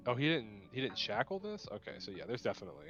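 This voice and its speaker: A young man doing chatty, excitable commentary on a card game match, laughing often. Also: on the low side, fast talker, dull audio, faint music behind.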